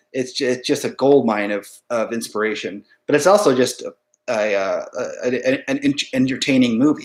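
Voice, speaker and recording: Young guy rambling thru his fave horror movies, lots of ums and restarts, average pitch, kinda echoey room. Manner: rambling, many restarts and fillers, amused. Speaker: video creator ranking horror films. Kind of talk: casual spoken ranking review.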